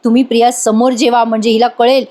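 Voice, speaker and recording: A woman voicing a young wife's calm, determined inner thoughts. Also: fairly high pitch, fast talker, close to an everyday voice. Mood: resolute. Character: young wife, quietly determined, thinking aloud.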